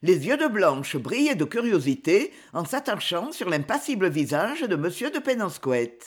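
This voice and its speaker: A woman reads a classic novel aloud for an audiobook. Her delivery is measured and expressive, with a lively, varied pitch. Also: breathy edge. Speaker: audiobook reader. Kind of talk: scripted narration of a novel.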